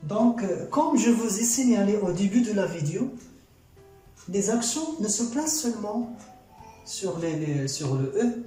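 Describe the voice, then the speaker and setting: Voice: mid-range voice, warm tone. A teacher with a Moroccan accent, patiently explaining a grammar lesson and answering their own questions. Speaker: French teacher. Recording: very echoey room, distant mic, faint music.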